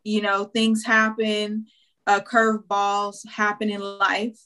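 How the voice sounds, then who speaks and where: A woman's voice: mid-range voice, monotone, slow, bright, forceful tone. A woman singer speaks in a casual interview, reflective and earnest. She leans on "um" and "you know" as she gathers her thoughts, in a mid-range voice. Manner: reflective, earnest, filler-heavy. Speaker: singer, artist guest.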